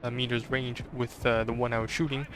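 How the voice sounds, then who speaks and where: Over the noise of in-game gunfire and explosions, a man talks through his own strategy match in a brisk, level, mid-range voice. It sounds strained and sore, and his commentary is loose, full of fillers and false starts.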